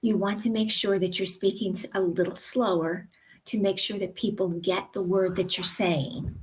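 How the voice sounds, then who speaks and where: An American woman coaching pronunciation, speaking deliberately and drawing out example words with careful articulation. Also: medium pitch, steady tone, rough recording. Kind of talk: instructional talk to camera.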